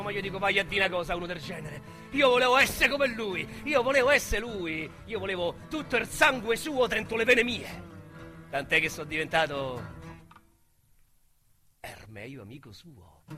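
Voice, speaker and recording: A male actor with a Roman accent narrates and plays the lead in a radio drama monologue, voicing a young, boastful, foul-mouthed street criminal. His voice sits high with a sharp tone, and the delivery is heavily acted and swaggering, full of coarse slang.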